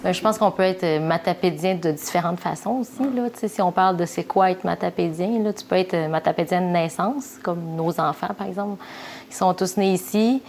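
A woman with a Quebec French accent speaks in a low, gravelly voice with a lot of vocal fry. She explains her view patiently, with hesitant fillers between her thoughts. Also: fairly quick, darkish tone, faint music behind. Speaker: guest. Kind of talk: interview testimony.

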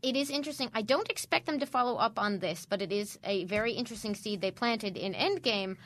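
A woman co-hosting a comics podcast, chatting casually and excitably, rambling through quick tangents. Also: medium pitch. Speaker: podcast co-host. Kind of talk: casual chat.

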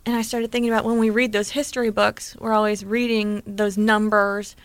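A woman's voice: mid-range voice, level tone, a little fast, no echo. A woman co-hosting a podcast, chatting casually and musing aloud with many questions. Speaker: podcast co-host. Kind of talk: casual chat.

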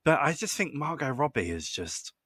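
A man's voice: fairly high pitch, sing-song, normal speed, fairly bright tone, breathy edge. A young man, co-hosting a podcast and gushing in casual, filler-heavy chat. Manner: gushing, chatty, lots of fillers. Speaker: podcast co-host.

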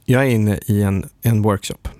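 A man's voice: fairly low pitch, steady tone, mellow, dry recording, studio quality. A man telling a casual anecdote in a rambling, self-interrupting way, often laughing at himself.

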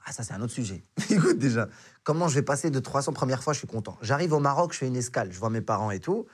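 Husky-voiced man telling a story. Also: mid-range voice, quick pace. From Morocco. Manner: animated, acts out dialogue. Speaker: comedian guest. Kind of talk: casual storytelling.

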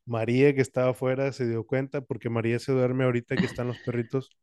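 A man's voice: mid-range voice, level tone, fast, a little mellow, smooth, no room sound. A young man, co-hosting a podcast, rambling casually through a personal story and acting out his own cries. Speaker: podcast co-host.

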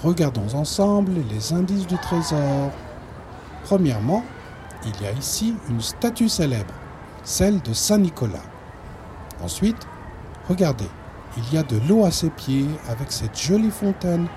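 A man's voice: a little high, sing-song, unhurried, background noise. A man voicing a kind father who patiently guides the children, in a storybook reading. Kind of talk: storybook narration.

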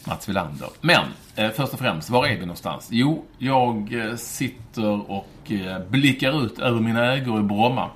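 A man hosts a relaxed podcast from his home, joking with mock-grand turns of phrase. His voice sits fairly low, and a faint noise hums in the background. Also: few pauses. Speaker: podcast host. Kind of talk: casual podcast chat. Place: home in Stockholm.

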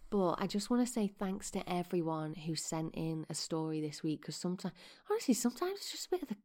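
Chatty woman with a low, mellow voice. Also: a little fast. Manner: chatty and animated, slipping into whispered asides. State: voice cracking. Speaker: podcast host. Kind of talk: casual podcast monologue.

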